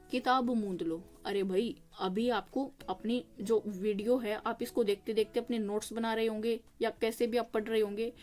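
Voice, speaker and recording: Explaining exam-prep grammar with patience, a young woman with a fairly high pitch poses questions to herself and answers them. She carefully sounds out each consonant, one at a time.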